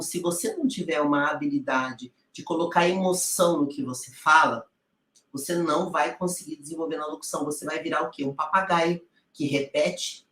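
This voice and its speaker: A woman's voice: sits low, a bit bright. A woman voice-over coach teaching directly, putting rhetorical questions to her listeners and addressing them familiarly. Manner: calls the audience "gente" in a familiar way. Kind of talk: online teaching talk. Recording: roomy echo.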